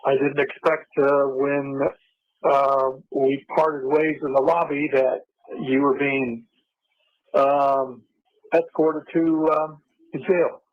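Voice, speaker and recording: An older man talks over a phone on speaker, his words slow and halting, broken up by uh and um. His voice stays flat and even with little rise or fall. The line is muffled and dull. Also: mid-range voice. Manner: halting, full of uh and um fillers. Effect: heard through a phone line on speaker. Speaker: father on a jail phone call.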